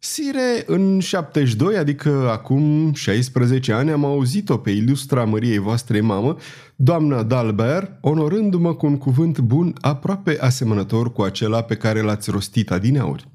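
A man reading the part of a calm, proud male knight who speaks with haughty courtesy. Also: medium pitch, close to an everyday voice. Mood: courtly. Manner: polite but haughty, smiling.

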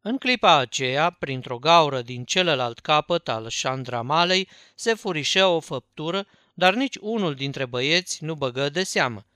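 A man narrating a story in a measured, scripted audiobook reading. His voice is bright, crisp and slightly high, recorded dry and close to the mic. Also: expressive, dry recording.

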